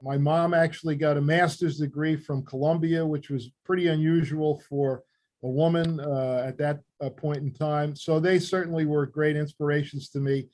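An older man with a Queens New York accent, explaining things in a measured way as an interview guest. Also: fairly high pitch, fairly even intonation, darkish tone. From Queens, New York City, USA. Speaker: interview guest, former newspaper reporter and author. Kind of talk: conversational interview answers.

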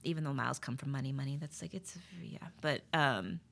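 A woman guest chatting in an interview, telling stories in an animated way, with lots of fillers and laughter. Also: extremely low pitch, fairly quick, vocal fry. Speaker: guest, poet. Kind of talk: casual interview chat.

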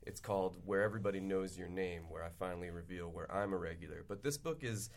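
Low-voiced, polite male author guest. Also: quick pace, gravelly. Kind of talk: conversational radio interview.

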